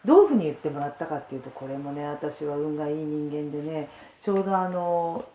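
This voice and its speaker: An older woman, a dentist hosting a podcast, explaining in a casual, animated way with many fillers. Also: low-pitched, fast, slight background noise. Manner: animated storyteller who acts out quotes, with fillers. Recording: roomy echoey recording.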